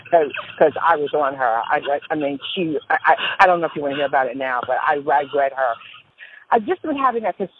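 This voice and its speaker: A woman's voice: sits low, expressive, fairly quick, slight background noise. A woman in a casual phone chat, telling stories in a rambling, emphatic way. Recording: tinny phone line.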